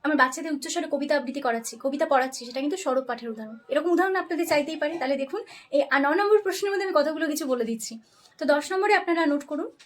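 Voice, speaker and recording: Fast-talking woman teaching a lesson. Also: high-pitched, animated. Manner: brisk and explanatory, often checking in with listeners. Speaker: teacher for job interview preparation. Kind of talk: spoken lesson, explaining points to viewers.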